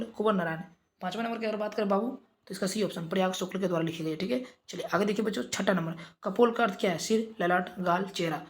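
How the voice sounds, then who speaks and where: Man, brisk exam revision teacher, rattles through quiz options at speed. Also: sits high. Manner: brisk, reads out quiz options, coaxing pupils.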